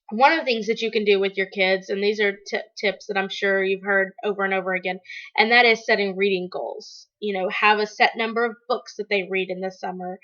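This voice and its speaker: A woman's voice: mid-range voice, fairly bright tone. A middle-aged woman talking casually to viewers as a parent, explaining advice with everyday examples in a slightly dull lo-fi recording. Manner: conversational, explanatory, illustrating with examples. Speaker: parent giving tips in a video.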